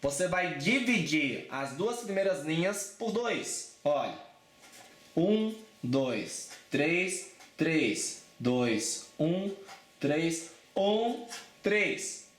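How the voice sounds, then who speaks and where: A man's voice: fairly high pitch, echoey room. Chatty Brazilian male math teacher. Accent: Brazilian Portuguese. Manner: chatty and informal, with frequent check-ins and slang. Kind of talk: casual exam-prep math lesson.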